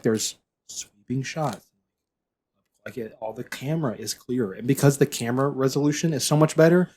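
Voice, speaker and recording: Mellow-voiced man in casual chat. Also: medium pitch, slightly rough. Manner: rambling, chatty, trailing off. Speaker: podcast co-host.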